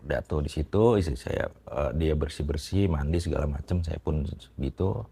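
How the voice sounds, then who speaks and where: A man with a very low voice recounts a private story in a halting, casual way, stumbling over restarts and fillers. He talks mostly quietly as an interview guest, his tone growing louder when the story gets tense. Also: vocal fry, breathy edge. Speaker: interviewee telling a personal story.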